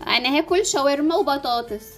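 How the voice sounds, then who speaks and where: High-voiced scheming Egyptian wife acted by a woman. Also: lively intonation, fast talker, a bit bright, soft background music. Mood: breezy. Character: scheming, spiteful young wife who nags her husband. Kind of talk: amateur game-animation story acting.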